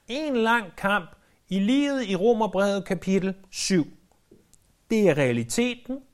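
A man preaching a sermon in an earnest, emphatic way, repeating key phrases for weight. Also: a little high.

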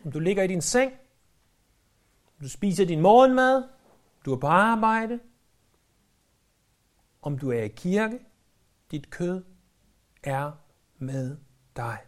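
A man's voice: high voice, very animated, pauses often. Earnest man preaching a sermon. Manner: earnest, emphatic preaching with repeated phrases.

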